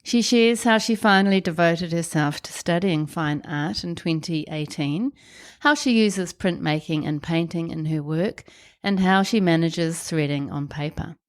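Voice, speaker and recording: A congested woman with a New Zealand accent and a croaky, wheezy, blocked-up voice, hosting a podcast. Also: on the low side, unhurried. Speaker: podcast host. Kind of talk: podcast introduction and interview chat.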